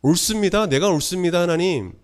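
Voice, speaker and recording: A man's voice: mid-range voice, expressive, normal speed, creaky, darkish tone. A male pastor voicing a defiant, angry male prophet who complains to God and insists he is right. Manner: stubborn, complaining, rising insistence.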